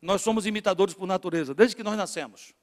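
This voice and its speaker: A middle-aged man from northeastern Brazil with a Northeastern Brazilian accent, preaching to a congregation with rhetorical questions and swings between loud and hushed. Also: high voice, quick pace. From Natal, northeastern Brazil. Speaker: pastor. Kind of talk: sermon to a congregation. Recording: long hall reverb in a church.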